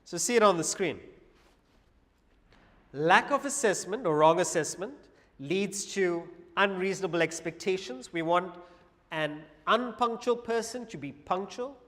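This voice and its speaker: A man giving a public talk on Vedanta philosophy to an audience, measured and paced with pauses and humorous asides. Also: high voice, fairly bright tone, long reverb tail.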